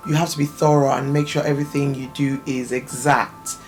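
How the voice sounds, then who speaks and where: A woman raised in Nigeria, appearing as an interview guest, chats casually about her businesses and background, thoughtful and explaining at length with many fillers. Her bass voice is darkish and flat in delivery, a little fast, with soft music in the background.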